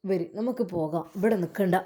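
A woman voicing a kind, patient father, speaking softly in a storytelling piece. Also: lowish voice, a little fast, voice pushed down, natural voice. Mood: soothing. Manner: soft, soothing, sorrowful. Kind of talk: storytelling with acted voices.

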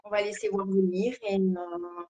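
A woman's voice: mid-range voice, little pitch movement, normal speed, muffled recording, noisy background. A woman in her fifties from Belgium with a Liège accent, a guest clairvoyant talking hesitantly on a video call. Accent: Liège Belgian French. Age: 50s. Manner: hesitant, many fillers, laughs nervously. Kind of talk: casual live-stream chat.

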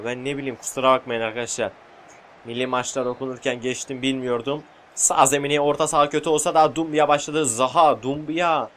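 Excitable man commentating his football game. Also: mid-range voice. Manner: excitable, shouts at goals, jokey. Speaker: gaming YouTuber.

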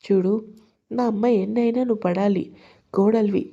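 A woman's voice: mid-range voice, fairly even intonation, normal speed, gravelly, dark tone. A woman voicing a proud married daughter who scolds her sister-in-law sternly. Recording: lo-fi dull sound.

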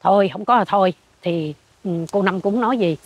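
An older woman with a Southern Vietnamese accent, telling a ghost story in an animated way and acting out what she saw. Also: mid-range voice, a little fast, husky. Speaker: interviewee. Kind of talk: ghost story told in conversation.

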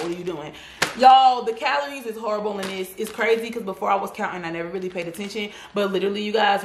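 In her echoey home kitchen, this thirties vlogger chats casually through her grocery haul, sassy and chatty, addressing viewers as y'all and baby. She has a mid-range, slightly bright voice, with a little hiss or hum on the recording.

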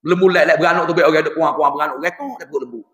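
Man, religious preacher, folksy and animated, high voice, echoey hall. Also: rapid-fire. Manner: folksy, animated, mixes scripture with dialect. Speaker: religious teacher. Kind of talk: Islamic sermon in local dialect.

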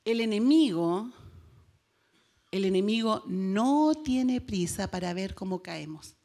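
A woman's voice: medium pitch, animated, slow, vocal fry, mellow. A woman pastor with a Chilean accent, preaching a sermon and telling a Bible story, acting out the quoted lines in a raised voice and putting rhetorical questions to the congregation.

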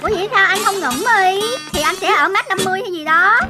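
A woman's voice: extremely high pitch, fast. A woman chatting casually while gaming, tossing off short teasing quips. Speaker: co-player. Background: upbeat game music.

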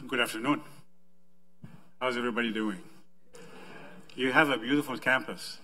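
A man's voice: medium pitch, normal speed, bright, forceful tone, rough recording. A middle-aged man, a university dean, giving a friendly panel presentation seated at a table in a conference room.

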